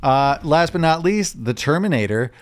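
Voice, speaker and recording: Man, podcast host, lively pitch, dry close mic, easygoing lead. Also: normal speed, no echo. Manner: easygoing, leads the segments. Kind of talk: casual podcast chat.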